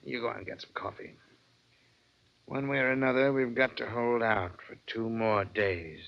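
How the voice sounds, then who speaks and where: Captain Wood, an actor as a gravelly weary captain. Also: male voice, mid-range voice, normal speed, close to an everyday voice. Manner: calm, gravelly, reassuring. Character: weary older ship's captain, steady and fatherly. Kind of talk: 1950s radio drama acting. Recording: dull old radio recording.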